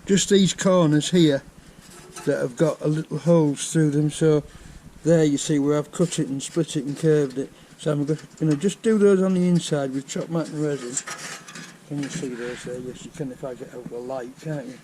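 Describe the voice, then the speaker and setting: Older Yorkshire man, slightly high voice, casual step-by-step workshop talk, faint noise behind. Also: steady tone, normal speed, warm tone, poor audio. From England. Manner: chatty, explains each job step by step. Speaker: vlogger restoring a tractor. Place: home workshop.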